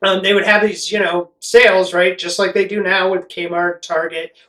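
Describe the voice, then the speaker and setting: A man in middle age, from Connecticut, USA, hosts a vlog and explains things to camera in a chatty, meandering way. His voice sits high and a bit bright, level in tone, at normal speed, captured by a distant mic with roomy echo.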